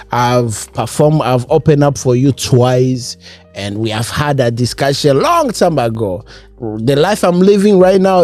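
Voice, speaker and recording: His voice is mellow and medium in pitch. As a podcast host reacting to an interview, he speaks casually and emphatically, repeating himself and saying "bro" again and again.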